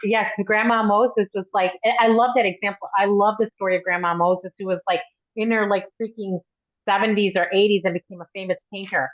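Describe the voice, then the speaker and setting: A woman's voice: medium pitch, fairly even intonation, fairly quick. Enthusiastic gushing woman co-host. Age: 50s. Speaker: podcast co-host. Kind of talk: casual podcast chat. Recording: dull lo-fi sound.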